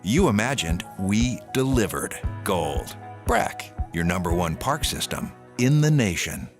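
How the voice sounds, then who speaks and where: A man announces a scripted radio ad. His pitch swings widely, and his delivery is upbeat and rising. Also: big pitch swings, a little slow, music in the background. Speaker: ad voice-over announcer.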